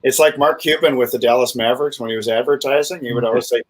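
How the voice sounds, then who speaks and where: A man from Western New York with a softened accent, telling jokey stories in a casual video call chat. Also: mid-range voice, fast, low-quality recording. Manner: storytelling, jokey. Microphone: video call microphone.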